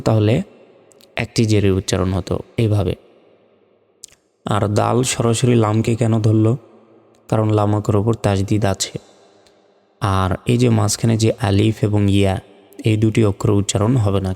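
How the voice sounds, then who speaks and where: A man teaching Quran reading step by step, patiently spelling out each syllable and drawing words out slowly. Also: on the low side, creaky, mellow, long reverb tail.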